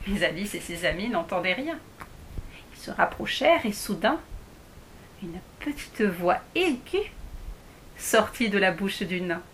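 A woman reads a fairy tale aloud, taking her time with every phrase. Her voice is bright and expressive, the pace unhurried. A faint rumble runs beneath the recording. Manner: slow, expressive read-aloud. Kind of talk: storybook narration.

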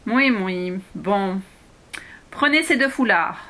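A woman's voice: mid-range voice, lively intonation, slow pace, fairly bright tone. A woman voicing a grumpy, brusque little male dwarf in a read-aloud storybook. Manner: gruff, brusque.

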